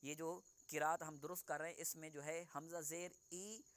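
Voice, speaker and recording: A man teaching Quran reading in a calm, clear, smooth voice, pitched a little high. He patiently explains each point and says every sound slowly so the student can repeat it. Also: no room sound. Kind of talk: online one-on-one lesson.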